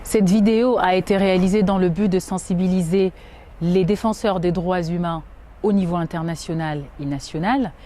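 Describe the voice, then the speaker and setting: A woman's voice: medium pitch, warm tone, a little hiss or hum. Formal woman from DR Congo. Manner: formal and measured. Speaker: human rights lawyer. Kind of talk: prepared awareness statement.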